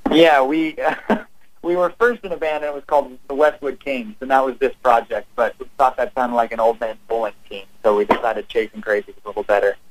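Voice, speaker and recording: A man's voice: medium pitch, steady tone, a little fast. A young man in his twenties from California, a band member joking easily and politely as a radio guest on a call. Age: 20s. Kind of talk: casual interview by phone. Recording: phone call line.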